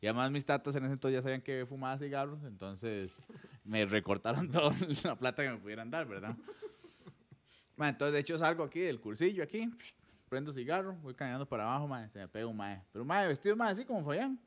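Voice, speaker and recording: A Costa Rican man in a relaxed podcast chat, spinning a story in thick local slang. He jumps into the voices of the people he describes, with a mid-range pitch that fits an everyday man's voice. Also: quick pace. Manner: slangy, acts out voices in his anecdote.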